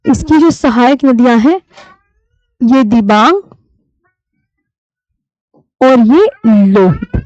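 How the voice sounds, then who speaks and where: A woman teaching a live online class with a fairly high voice, patient and deliberate as she drills key terms. The sound is dry, close and a little dull, like lo-fi stream audio. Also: sing-song, a little mellow, dry recording. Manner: patient, repeats key terms slowly for students.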